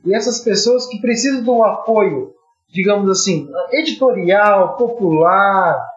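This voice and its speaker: A Brazilian man with a Brazilian Portuguese accent, talking in a halting, ironic way with many restarts on a casual podcast. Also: sits high. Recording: roomy, slightly dull audio with faint music.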